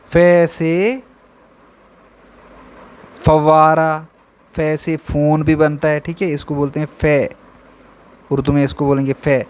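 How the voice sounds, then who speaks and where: A man teaching the alphabet to beginners, sounding out each letter slowly and repeating example words with frequent check-ins. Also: fairly high pitch, level tone, a little mellow. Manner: drawn-out, repetitive letter drills with frequent "theek hai". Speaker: Urdu teacher. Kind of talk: slow beginner alphabet lesson.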